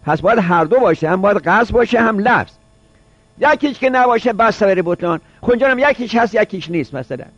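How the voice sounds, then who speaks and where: A man's voice: high-pitched, lively intonation, a bit bright, no echo, lo-fi sound. A man giving a seminary jurisprudence lecture, repeating each point and posing rhetorical questions. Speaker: seminary teacher.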